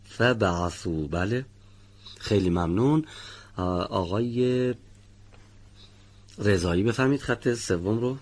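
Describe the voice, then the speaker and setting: A man teaching the pronunciation of a letter in a radio lesson, reading model words slowly and drawn out, then correcting learners one by one. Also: on the low side, a little mellow. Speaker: Quran recitation teacher.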